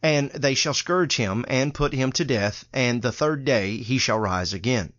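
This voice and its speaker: A man reading scripture aloud in a steady, measured way. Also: mid-range voice, no room sound. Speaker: Bible reader. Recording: dull lo-fi dry recording.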